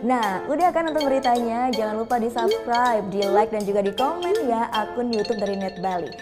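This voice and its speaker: A woman host giving an upbeat, loud outro that asks viewers to subscribe. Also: a little high, a little fast. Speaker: channel host. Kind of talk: promo outro. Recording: loud music, from far off.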